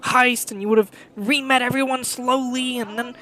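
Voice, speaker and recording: A woman voicing a scheming male shapeshifter who rambles and stalls with fillers, speaking in a higher voice than her own. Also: fairly even intonation, fairly bright tone, close to an everyday voice. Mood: sheepish. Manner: rambling, halting, full of fillers.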